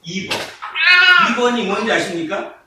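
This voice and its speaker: A male pastor delivers a sermon in a church sanctuary, his lively voice leaping up and down as he fires rhetorical questions at the congregation. He stretches key words out slowly and breaks into laughter and shouts for emphasis. The mic sits far off in an echoey, booming, noisy hall.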